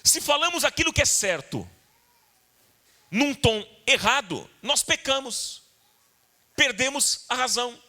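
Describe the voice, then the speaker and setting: A Brazilian pastor delivering a sermon, a man with a Brazilian Portuguese accent. His voice sits high and bright, and his pitch swings widely as he repeats key points and turns to address the congregation. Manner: earnest, repetitive, addresses congregation directly. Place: church.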